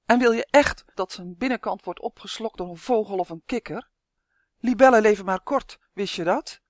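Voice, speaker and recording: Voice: medium pitch, normal speed, no echo, studio quality, voice pushed up, close to an everyday voice. A reader voicing a firm, sensible woman who explains plainly and scolds. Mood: scolding.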